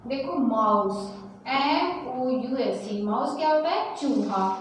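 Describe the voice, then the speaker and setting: Indian lady teacher, spells out each letter slow, very echoey room, mic kinda far. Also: high voice, animated, slight background noise. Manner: spells words letter by letter, then says them slowly. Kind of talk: phonics lesson for young children. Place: classroom or school room.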